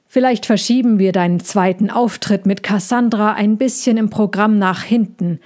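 Woman playing a calm, scheming showman. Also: medium pitch, moderate pace, natural voice. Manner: calm and musing. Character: calm, scheming man who runs the show. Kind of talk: storybook reading.

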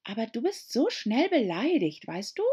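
A woman voicing a curious, polite young girl in an audiobook, speaking high and eagerly. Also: sing-song, normal speed, dark tone, breathy edge, heavily acted.

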